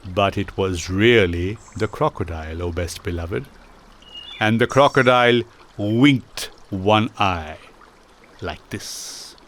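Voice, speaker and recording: A man narrating a classic children's story in a slow, theatrical reading style. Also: fairly low pitch, background noise.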